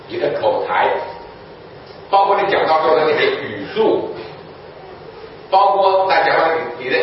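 Through a muffled, lo-fi recording, a preacher can be heard some distance from the microphone in a strongly reverberant room, with a soft room hum underneath. His voice sits fairly high as he teaches by raising rhetorical questions and answering them himself.

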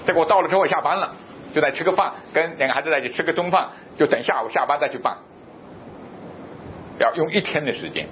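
A middle-aged man from southern China preaching a sermon, telling a personal story with animated delivery and acting out the dialogue. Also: fast. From Guangzhou area of southern China. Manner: emphatic, sudden jumps in pitch and loudness. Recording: muffled recording with faint low rumble.

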